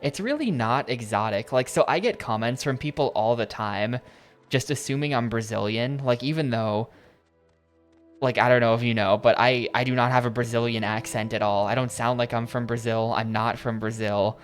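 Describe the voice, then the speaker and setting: With soft music in the background, a man from the United States talks through a video game stream at normal speed and medium pitch. He chats casually, rambling and breaking off to read game text aloud.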